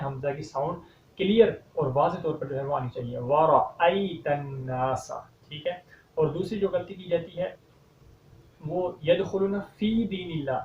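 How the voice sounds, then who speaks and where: A man teaching Quran recitation in Urdu with a Pakistani accent, explaining common mistakes patiently and then chanting each verse slowly and louder. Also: a little high, slight background noise. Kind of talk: step-by-step recitation lesson with slow chanted verses. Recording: echoey, slightly dull room sound.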